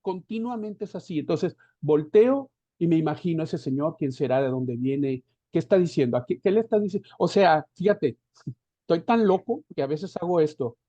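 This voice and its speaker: A man's voice: a little high, expressive, moderate pace, warm tone, no room sound. A man in his fifties, a guest copywriter talking on an online call with headphones, rambling and digressive with many restarts. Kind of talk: casual conversational interview. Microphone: headphones on a video call. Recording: dull lo-fi online call audio.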